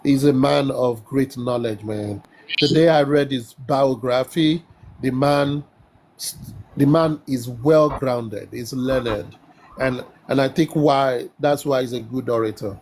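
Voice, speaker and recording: A man's voice: medium pitch, slow pace, a little mellow, slight background noise. A man chatting as a guest on a live stream who stumbles and repeats himself. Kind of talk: casual live chat.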